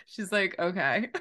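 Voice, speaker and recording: A woman co-hosting a podcast, chatting in a giggly, rambling way. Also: mid-range voice. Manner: chatty, giggly, drifts into asides. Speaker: podcast co-host. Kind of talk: playful casual chat. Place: New York City.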